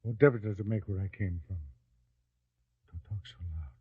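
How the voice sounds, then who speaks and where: Peter, a big, strong man whose husky, gruff voice snaps at anyone who questions him. His lines come through a thin, tinny old radio recording, dry and close to the mic, in the style of vintage radio drama. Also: on the low side, a little fast, no echo. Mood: anguished. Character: anguished fisherman Peter denying his master.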